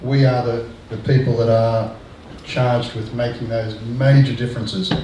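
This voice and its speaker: A man's voice: mid-range voice, little pitch movement, measured pace, mellow. An older man speaking earnestly on a discussion panel, hesitating with frequent ums and restarts. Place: lecture room. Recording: echoey room, distant mic, faint noise.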